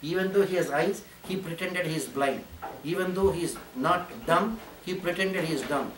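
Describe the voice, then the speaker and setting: A man from India, a spiritual teacher with a higher voice, gives an animated sermon in an ashram hall at a moderate pace, repeating phrases and chanting Sanskrit verses. The mic is distant in a roomy hall, with audience and background noise.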